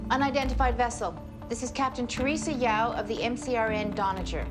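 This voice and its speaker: An actress playing a woman navy captain who gives clipped, commanding military orders through a ship's intercom loudspeaker, in a film clip. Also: a little high, fairly even intonation, a little fast. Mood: stern warning. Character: stern woman navy captain hailing over ship comms. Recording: distant film clip under loud music.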